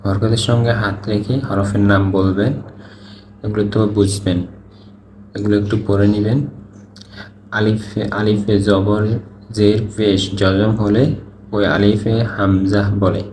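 A man's voice: on the low side, flat delivery, measured pace, pauses often, a little mellow. A man teaching a recorded online Quran reading lesson, patiently drilling letter sounds over and over. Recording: echoey room, faint background noise.

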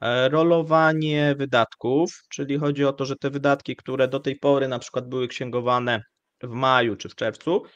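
Measured hesitant man, dry sound. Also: medium pitch, fairly even intonation, dry recording, dull audio. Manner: measured, hesitant with frequent fillers. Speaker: show host. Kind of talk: live economic commentary.

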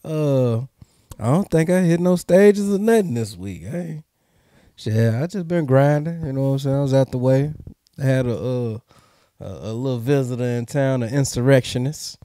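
A man's voice: mid-range voice, expressive, normal speed, mellow, no room sound. Laid-back man co-host, dry close sound. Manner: laid-back, profane, joking. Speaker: podcast co-host. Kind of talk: casual podcast banter.

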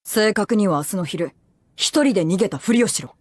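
A woman's voice: mid-range voice, lively intonation, rapid-fire, dry recording, natural voice. A woman playing a terse, scheming, commanding young boy in Japanese anime. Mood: urgent, commanding.

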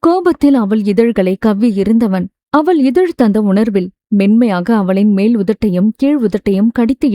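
A woman reading a romance novel aloud as a steady, smooth storyteller. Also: medium pitch, no room sound. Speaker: audiobook narrator. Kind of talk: scripted narration.

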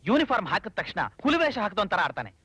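An actor playing a lawyer who keeps teasing his friend with quick joking retorts. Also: high-pitched, sing-song, bright, forceful tone, slightly rough, no room sound, exaggerated voice. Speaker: government lawyer.

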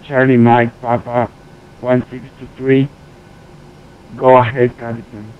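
Slow controller over headset radio. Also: male voice, medium pitch, flat delivery. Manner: slow, measured, spells out numbers. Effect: heard over a pilot's headset radio. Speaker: air traffic controller. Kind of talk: clipped radio phraseology. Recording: tinny radio line, faint hiss.

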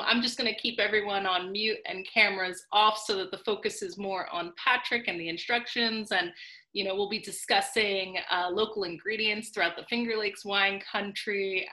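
A woman's voice: medium pitch, pushed and bright, echoey room. A woman hosting a live online cooking class on a video call, chatty and upbeat with lots of fillers. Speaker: host.

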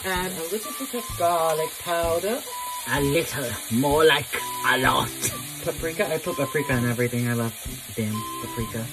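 A man's voice: a little high, normal speed, low-quality recording. A hungover young man chatting casually through a recipe in a playful, crude, theatrical way, in his home kitchen. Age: young adult. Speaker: home cook presenting a recipe. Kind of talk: casual cooking vlog chat. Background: music and sizzling pan.

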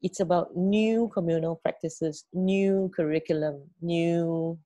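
A middle-aged woman talks her team through a plan on a video call. Her voice sits low and mellow, with a dry, close sound. She repeats words as she thinks and keeps checking in with "okay?" and "right?". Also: steady tone, slow pace, no echo. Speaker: team leader. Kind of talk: online team meeting briefing.

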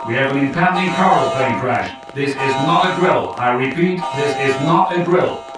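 A man playing an airport fire chief, giving clipped, commanding alarm orders as a station loudspeaker announcement in scripted game dialogue. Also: mid-range voice, moderate pace, very echoey, distant mic, over loud music, low-quality recording. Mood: urgent.

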